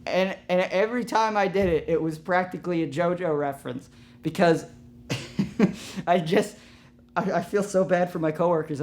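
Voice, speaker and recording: Young male storytime host, comedic and animated, self-deprecating, stumbles and restarts. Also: a little high.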